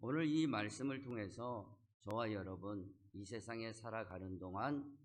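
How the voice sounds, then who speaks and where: A man with a fairly low voice delivers a Sunday sermon as the church's senior pastor. He retells the scripture story in his own words, pausing on short affirming fillers between phrases.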